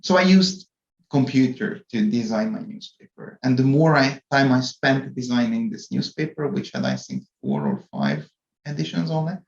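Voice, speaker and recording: A middle-pitched man in his forties with a Hungarian accent and a gravelly, fry-edged voice, speaking in a measured, deliberate way. He is a guest on a podcast interview. The audio is dull and lo-fi in a roomy space. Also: very animated. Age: 40s. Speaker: guest executive.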